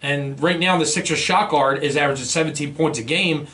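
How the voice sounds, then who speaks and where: With a fairly high, fairly bright voice and a fairly quick pace, an American man debates sports on a casual podcast, arguing emphatically and informally. The setting is a small indoor podcast studio, with a foam-windscreened boom-arm studio microphone.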